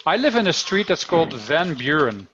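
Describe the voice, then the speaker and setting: Very animated and a little high-pitched, the man from the Netherlands speaks at normal speed with his Dutch accent, talking straight to children in a lively, chatty coding lesson by video call. It's a muffled recording with crowd noise behind him.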